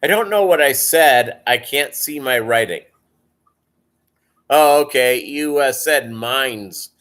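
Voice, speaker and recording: A man with a deep Southern accent hosts a casual livestream at a slow, halting pace. His voice sits at an average pitch, and he rambles loosely as he addresses his viewers. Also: fairly bright tone. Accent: deep Southern American. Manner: rambling, halting delivery, reading and answering viewer comments. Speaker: live stream host.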